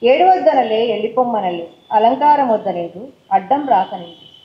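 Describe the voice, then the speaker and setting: Woman, Telangana accent, poet at a forum recital; casual chat mixed with English words, then rhythmic verse; slightly high voice; roomy, dull hall sound. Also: lively intonation, normal speed, heavy background noise. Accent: Telangana Telugu. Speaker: poet reading her own work. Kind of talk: poetry recital with chatty introductions. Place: stage at a poetry forum event.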